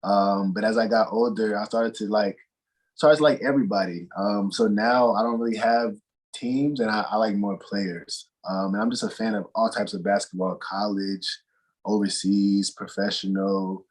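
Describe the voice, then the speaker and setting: A young man from North Carolina with a deep, husky voice answers interview questions at an easy, meandering pace. He talks casually and often pauses on fillers before circling back to finish his thought. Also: poor audio. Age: young adult. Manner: relaxed, rambling, with many fillers and restarts. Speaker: guest, college basketball player.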